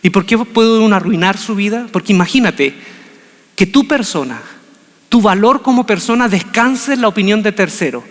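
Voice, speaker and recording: A man preaching a sermon, telling the story in an animated, humorous way. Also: high-pitched, normal speed. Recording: long reverb of a large hall.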